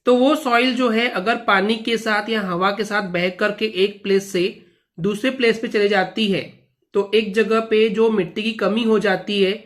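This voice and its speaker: A man's voice: high-pitched, a bit bright. A young man teaching a school lesson at a board, patient and repetitive, often checking in with "okay" and "students". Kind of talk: explaining a lesson at a whiteboard.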